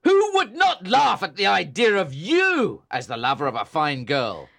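A woman's voice: extremely low pitch, very animated, normal speed, fairly bright tone, voice pushed down, full character voice. A woman reader voicing a stern, scornful young man who threatens and commands, in an audiobook. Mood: angry. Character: stern young man, cold and harsh brother.

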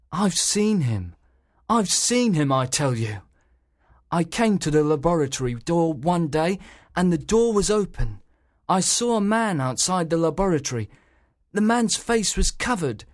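A man's voice: fairly high pitch, sing-song, measured pace, no echo, clean studio sound, pitched above the performer's own voice. A man voicing an anxious, loyal servant who insists on what he saw. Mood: agitated. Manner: insistent, agitated.

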